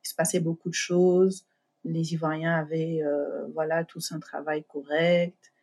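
Here a middle-aged entrepreneur joins a podcast remotely, her deep, slightly mellow voice staying level and moving a little slowly. Her speech is halting, with frequent fillers and false starts, and it comes through a call connection.

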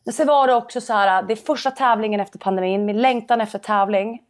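A young adult woman, a padel player, telling a story in a casual interview and acting out the conversations she recounts. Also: fairly high pitch. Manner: animated storytelling, acts out quoted dialogue.

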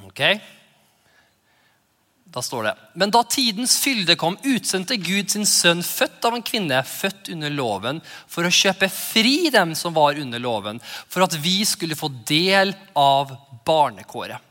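A man preaching a sermon as pastor, lively and conversational, acting out little quoted exchanges. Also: on the high side, in a large hall.

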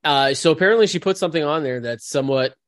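A man's voice: fairly high pitch, fast talker, a bit bright, dry recording, clean studio sound. A man hosting a podcast, talking through news in a casual, conversational way. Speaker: podcast host.

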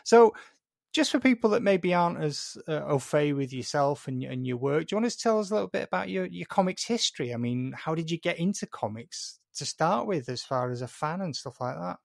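Matey male podcast host, slightly gravelly. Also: a little high, lively intonation, a little fast, dry recording, clean studio sound. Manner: matey, informal, mild swearing. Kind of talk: hosting a podcast interview.

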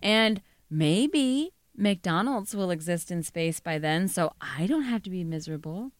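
A woman's voice: on the low side, animated, measured pace, dry recording. A young adult woman co-hosting a casual podcast chat, telling self-deprecating stories and acting out the people in them. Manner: joking, self-deprecating storyteller who acts out quotes. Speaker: podcast co-host.

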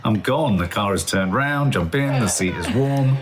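A man in his fifties, a father co-hosting a parenting podcast in casual chat, with a wry, teasing manner and quick asides. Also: mid-range voice, expressive, noisy background.

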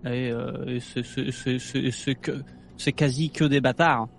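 Hesitant player full of fillers. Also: male voice, mid-range voice, steady tone, unhurried, gravelly. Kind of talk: casual play chat.

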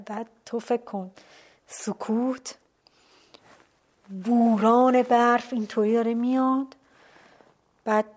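A woman tells a personal story in a relaxed, conversational way. Her voice sits a little high, and she keeps the telling animated. She sinks to a hushed whisper at tense moments and often breaks off a word to start again. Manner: trailing off and restarting mid-word. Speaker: storyteller recounting a climb. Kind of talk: casual spoken storytelling.

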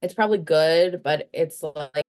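A woman's voice: low-pitched, unhurried, darkish tone, soft background music. A woman co-hosting a podcast in casual chat, talking in a hesitant, chatty way. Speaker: podcast co-host.

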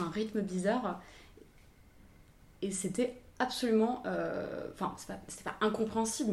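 A woman's voice: mid-range voice, darkish tone. A young woman in her twenties working as a language coach for actors, answering interview questions with many fillers and restarts. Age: 20s. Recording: roomy echoey sound.

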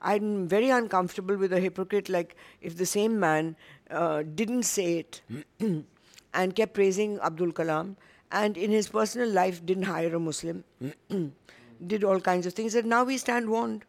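A woman's voice: medium pitch, moderate pace. A woman with a North Indian accent giving opinions emphatically in a panel discussion, driving her points home.

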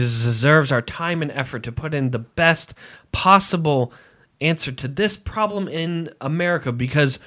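A man's voice: fairly high pitch, fairly bright tone. A man hosting a podcast, talking in loose, jokey banter and poking fun at himself. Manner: joking, self-mocking banter. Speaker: podcast host. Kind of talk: casual podcast chat.

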